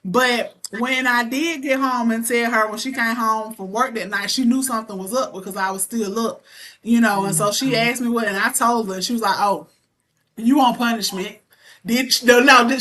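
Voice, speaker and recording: A young woman chatting casually as an interview guest, telling animated stories full of playful mock threats. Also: fairly high pitch. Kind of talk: casual chat.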